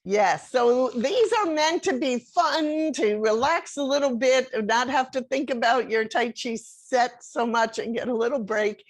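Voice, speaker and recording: Unhurried woman hosting a workshop. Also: a little high. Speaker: workshop host. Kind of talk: casual event hosting.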